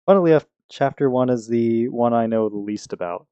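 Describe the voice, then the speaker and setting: A man's voice: medium pitch, fairly quick, dark tone, clear, resonant tone, no echo, highs cut off. A man casually commenting while playing a video game, talking in a rambling, hesitant way with many restarts.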